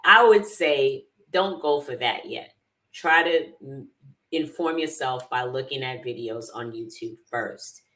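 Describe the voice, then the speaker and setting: A woman talks as an interview guest in a low, bright voice. She is animated, laughs easily and slips into Jamaican phrasing now and then. She sits a little away from the microphone. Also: unhurried, distant mic, poor audio. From Jamaica, raised in New York. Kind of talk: casual interview chat.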